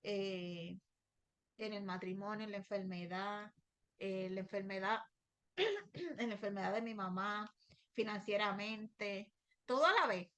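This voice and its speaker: A middle-aged woman preacher giving a devotional sermon, sharing a personal, emotional testimony with slow, repeated pleading phrases. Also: mid-range voice, fairly bright tone.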